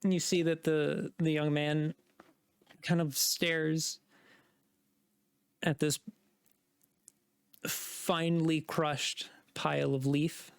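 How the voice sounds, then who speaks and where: A man's voice: fairly high pitch, flat delivery, very slow, vocal fry, pauses often, clean tone, no room sound. A man narrating a tabletop game as game master, describing scenes with many likes and restarts. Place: home streaming setup.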